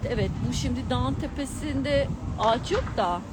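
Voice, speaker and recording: A middle-aged Turkish vlogger and astrologer chats casually and exclaims to her followers in a high voice at a moderate pace, giggling in travel-vlog style. She films herself on a handheld camera with a gimbal at a mountain viewpoint outdoors. Loud urban noise and passing vehicles fill the recording.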